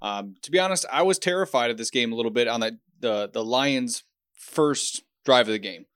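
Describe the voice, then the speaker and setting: A man co-hosting a casual football podcast, talking in a laid-back, measured way with frequent restarts. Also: medium pitch, animated, a bit bright, no echo, studio quality. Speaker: podcast co-host. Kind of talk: casual sports podcast chat.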